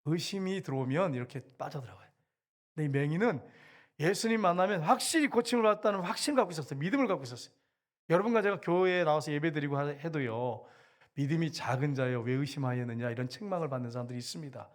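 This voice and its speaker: A man delivers a sermon from the pulpit with a slightly raised pitch. He speaks earnestly and stresses key words, often retelling scripture scenes with vivid emphasis. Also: lively intonation, fast talker. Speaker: pastor.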